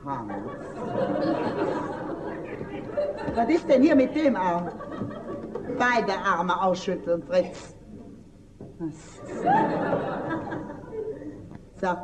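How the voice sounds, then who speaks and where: An actress playing a prim, nosy middle-aged spinster schoolteacher in a stage comedy, fussy and indignant. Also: female voice, fairly low pitch. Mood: drilling pupils. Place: theater stage.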